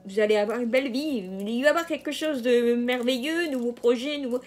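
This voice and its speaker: A woman's voice: on the high side, fairly quick. A woman giving a casual general tarot reading, hesitant, with many fillers and restarts and the odd laugh at her own jokes. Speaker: tarot card reader.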